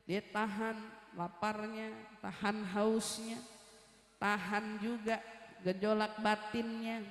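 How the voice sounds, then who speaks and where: A woman preacher giving a sermon to a women's study group, telling a story in a lively way and often asking her listeners questions. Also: mid-range voice, slow. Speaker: Islamic preacher. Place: mosque study gathering hall. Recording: echoey, reverberant hall.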